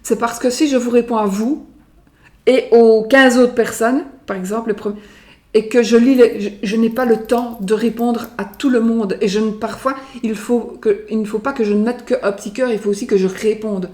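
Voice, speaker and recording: A woman's voice: a little high, steady tone, normal speed, darkish tone. A woman vlogger chatting casually to her viewers, rambling and repeating herself with many fillers, in her home kitchen. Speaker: psychic vlogger presenting her oracle cards. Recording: roomy echo, voice from far off the mic.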